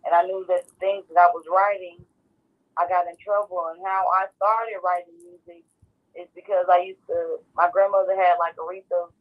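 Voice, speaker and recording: A woman's voice: on the low side, flat delivery, normal speed, phone-quality sound. A woman from Texas, a guest, talking in a plain, matter-of-fact way about her life story. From Garland, Texas. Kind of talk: personal storytelling.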